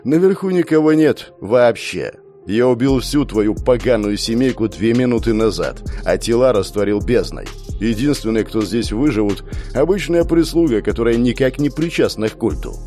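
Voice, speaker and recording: A man's voice: medium pitch, animated, normal speed, mellow, soft background music, natural voice. A man voicing a cruel young man who taunts and threatens his captive in a sneering tone. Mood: gloating.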